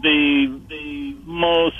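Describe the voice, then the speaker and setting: A man calling in to a radio show over a clipped phone line, speaking haltingly with many pauses and fillers. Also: a little high, little pitch movement. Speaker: radio caller. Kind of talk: casual call-in chat. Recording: tinny phone line call-in.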